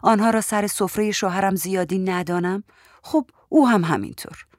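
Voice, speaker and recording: A woman's voice: mid-range voice, darkish tone, no echo, clean studio sound. A woman reading a story aloud in the first person, in a conversational, plainspoken telling. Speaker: audiobook reader.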